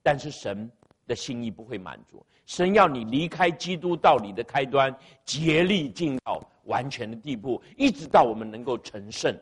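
In a church sanctuary with a sound system, a man preaches into an amplified microphone with a medium-pitched, sing-song, breathy voice at normal speed and few pauses. As pastor, he stresses key phrases through repetition and invites the congregation to answer aloud.

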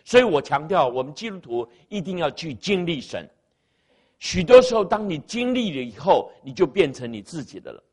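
A male pastor delivers a sermon over a church microphone, drawing the congregation in with questions and repeated phrases. His voice sits a little high and is slightly husky, and it swings up and down with lively expression. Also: moderate pace. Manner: engaging the congregation, asking them to answer aloud; emphatic repetition of phrases. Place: church sanctuary with sound system. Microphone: amplified microphone.

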